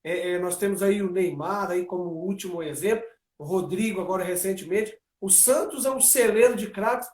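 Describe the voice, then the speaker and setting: Male live-stream interviewer with a high pitch, friendly tone, roomy echo. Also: normal speed, darkish tone. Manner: friendly, reads out lists. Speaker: interview host. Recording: echoey room.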